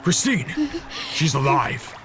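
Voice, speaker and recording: An actor playing Dracula, an earnest, commanding vampire leader, in a serialized radio drama with grave, measured speech. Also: male voice, mid-range voice, big pitch swings, noisy background. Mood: urgent. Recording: loud music bed behind voice.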